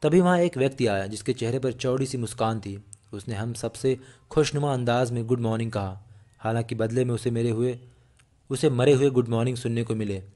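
Male narrator, mid-pitched, steady earnest audiobook read with the odd slip. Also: fairly quick. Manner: steady, earnest reading with small slips and restarts.

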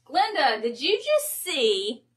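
A woman with a Southern Georgia accent hosting a casual wreath-making livestream, chatty and gushing, quick to laugh, speaking into a phone at home. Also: high-pitched, wildly swooping pitch, a bit bright.

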